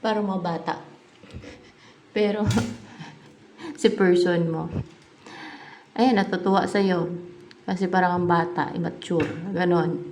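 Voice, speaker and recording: A woman's voice: on the low side, vocal fry, a little mellow, slight background noise. A woman doing a casual tarot reading for her viewers, chatty and thinking aloud, slipping English words into her talk. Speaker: tarot reader.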